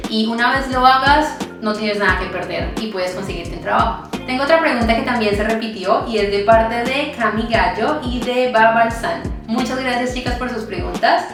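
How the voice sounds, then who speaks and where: A woman's voice: on the high side, moderate pace, few pauses. A young Colombian woman with a Colombian accent, a barista answering her followers' questions in a casual, friendly, encouraging vlog. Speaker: barista and vlogger. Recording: very echoey room with music behind.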